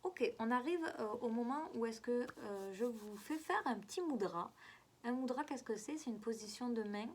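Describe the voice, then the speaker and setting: A woman with a regional French accent giving a spiritual guidance reading. She coaxes her listeners and repeats herself, often pausing to search for words. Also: fairly high pitch, animated, a little mellow, slight background noise. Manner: coaxing and repetitive, often halting to search for words.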